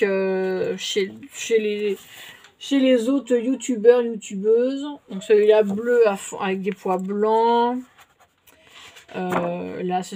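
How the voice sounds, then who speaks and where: A woman's voice: mid-range voice, darkish tone, a little hiss or hum. A French-speaking woman chatting casually to her viewers while showing a shopping haul, with many fillers and little hesitations. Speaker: haul vlogger. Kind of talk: casual show-and-tell haul.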